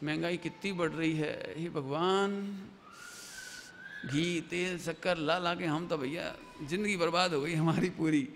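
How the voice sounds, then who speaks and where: A man's voice: fairly high pitch, steady tone, measured pace, big-room sound, slight background noise, pitched below the performer's own voice. Man doing a grumbling spouse griping about prices. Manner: complaining, weary.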